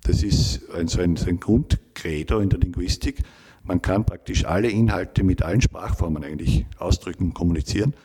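A middle-aged linguistics professor gives measured, academic answers in an interview, often rephrasing what he's said. His voice is deep, warm and husky.

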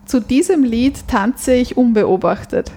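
Bright-pitched woman podcast host. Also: measured pace. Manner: curious, prompting. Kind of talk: reading interview questions.

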